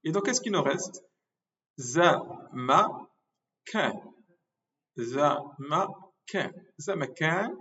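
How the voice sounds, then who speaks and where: A male professor giving a recorded lecture, slowly repeating and spelling out terms. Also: a little high, fairly bright tone. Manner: slow, repeats words and spells them out syllable by syllable. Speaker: medical school professor. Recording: distant mic, dull lo-fi sound.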